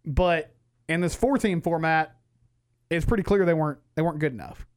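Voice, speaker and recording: Higher-voiced man hosting casual sports radio. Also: moderate pace, dry recording, studio quality.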